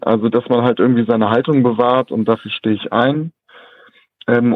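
A man's voice: medium pitch, dry recording. A man of twenty calling in to a radio talk show over the phone, talking in a hesitant way with many fillers. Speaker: caller. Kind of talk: casual call-in chat. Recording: tinny dry phone line.

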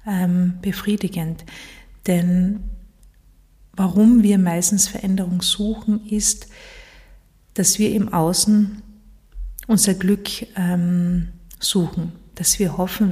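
A woman giving a motivational monologue on personal change, talking straight to the listener in a reflective way with frequent pauses. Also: mid-range voice, dark tone.

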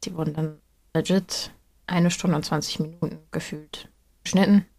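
A woman's voice: sits low, fairly even intonation, moderate pace, darkish tone. A young woman from Hamburg telling a story in casual chat, chatty and giggly. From Hamburg, Germany.

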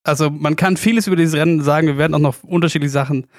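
A male podcast host explaining a game and firing off quick either-or questions in a brisk, upbeat way, with many fillers. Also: fairly high pitch, fairly even intonation, no room sound, studio quality. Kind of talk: quick-fire question game and sports chat.

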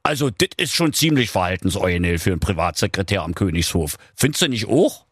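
A man's voice: low-pitched, very animated, fast, fairly bright tone, breathy edge, no room sound, studio quality, heavily acted. A man voicing a blunt, gossipy king who complains in a chatty, colloquial way. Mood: complaining. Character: grumbling middle-aged king, blunt and gossipy.

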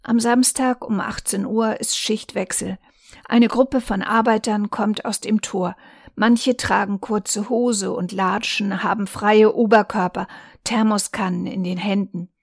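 A woman reading a newspaper reportage aloud in a calm, measured way. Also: mid-range voice, vocal fry, no room sound, studio quality. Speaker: volunteer reader.

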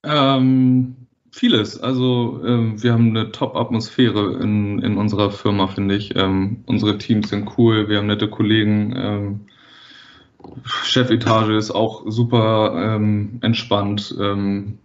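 A man from the Hamburg area in his thirties, a freight dispatcher answering interview questions casually, hesitant with many fillers and quick to laugh. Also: fairly low pitch, level tone, dull audio. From Hamburg area, Germany.

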